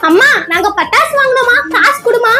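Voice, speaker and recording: Very high squeaky scheming little girl, voiced by a woman. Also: lively intonation, fairly quick, bright, forceful tone, exaggerated voice. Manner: whiny, scheming, childish. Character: mischievous young girl, lazy and scheming. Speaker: daughter Monika. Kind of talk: comedy skit dialogue. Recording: music playing behind.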